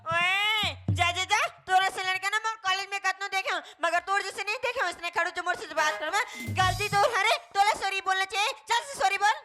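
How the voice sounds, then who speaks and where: Feisty college girl played by a woman, extremely high voice, Chhattisgarhi accent, comic folk stage, music behind. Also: fairly quick, hardly any pauses. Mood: scolding, indignant. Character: feisty young female college student, quick to scold.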